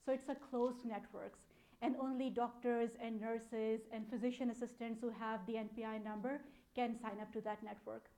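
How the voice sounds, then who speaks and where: A woman in her thirties, Pakistani-accented and working as a data analytics program manager, talks informally at a conference in a conversational, explaining style. Her voice sits on the high side, steady and warm, at a moderate pace.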